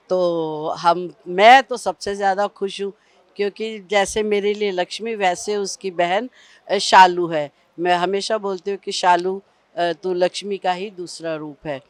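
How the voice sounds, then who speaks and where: A woman giving an on-set interview about a serial's storyline, speaking haltingly with many fillers. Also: mid-range voice, no room sound. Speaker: actress in the serial.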